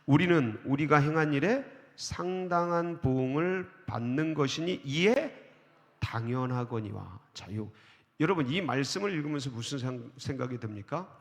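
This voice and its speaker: A man's voice: fairly high pitch, expressive, normal speed. A male pastor preaching a sermon at an early-morning church service. He keeps asking the congregation questions, answers them himself, and reads scripture verses aloud. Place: church sanctuary. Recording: long hall reverb of a church.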